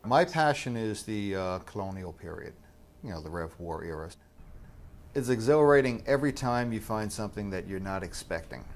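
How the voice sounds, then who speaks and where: Low-voiced thoughtful detectorist man. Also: animated, moderate pace, a little hiss or hum. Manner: thoughtful, conversational fillers. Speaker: metal detectorist. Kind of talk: documentary interview.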